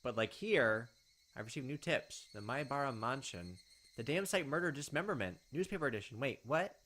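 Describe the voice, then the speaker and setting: Reading a visual novel aloud, this let's play host narrates the game and slips in offhand, casual asides. The delivery sits at a medium pitch, moves at a moderate pace, and has lively intonation with a slightly bright edge.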